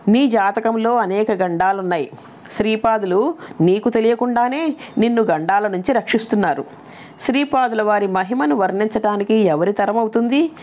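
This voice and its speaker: A woman voicing a kind elderly male sage who gently instructs a disciple in a devotional story. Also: medium pitch, normal speed, lightly acted. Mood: gently instructive. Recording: dull lo-fi recording.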